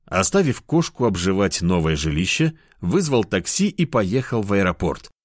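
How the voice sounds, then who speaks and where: A man reading a first-person audiobook in an expressive, lively way. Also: sits low, normal speed, dry recording, clean studio sound. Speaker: audiobook narrator.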